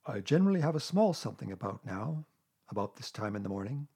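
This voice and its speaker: A man voices a gentle, humble, slow-witted bear from a children's storybook, speaking simply, earnestly and dreamily. His voice is medium-pitched, sing-song and husky. The mood is dreamy and wistful.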